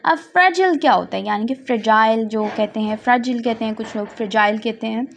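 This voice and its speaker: A woman's voice: fairly high pitch, a little fast, vocal fry, slight background noise. A woman teacher, patiently explaining quiz answers, repeating each question and translating the English lines. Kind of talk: slow tutorial narration over slides.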